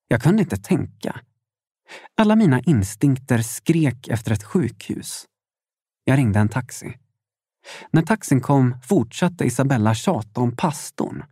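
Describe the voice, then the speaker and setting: A young adult man reading his own memoir aloud as first-person audiobook narration, steady with dramatic emphasis. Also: medium pitch, slightly rough, no echo, studio quality.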